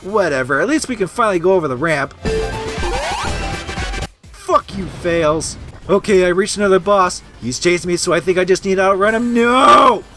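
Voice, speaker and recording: A man's voice: sits high, fast talker, few pauses, fairly bright tone, soft background music. A man doing a comedic angry gamer review, ranting and swearing in exasperation like a raging gamer. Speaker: video game reviewer. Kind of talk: comedic angry gamer parody review, scripted narration with outbursts.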